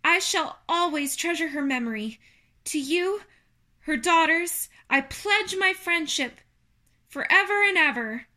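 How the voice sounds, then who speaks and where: Storybook role: woman as tender young boy pig, raised bright voice, earnest and polite. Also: very high-pitched, animated, measured pace, pitched above the performer's own voice, heavily acted. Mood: solemn, devoted. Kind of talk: children's storybook character reading.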